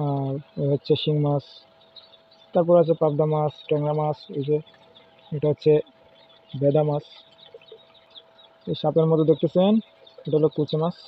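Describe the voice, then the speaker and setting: A man casually showing his home fish tank, pointing out and naming each fish as he goes. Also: on the high side. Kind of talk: casual home video walkthrough. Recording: phone-like lo-fi sound with faint noise.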